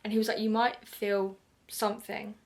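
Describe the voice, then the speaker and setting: A woman's voice: medium pitch, level tone, normal speed. A young woman from the UK telling a personal story to camera in a chatty way, full of "like" and acted-out quotes. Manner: chatty, lots of "like", acts out her own quotes. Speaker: vlogger.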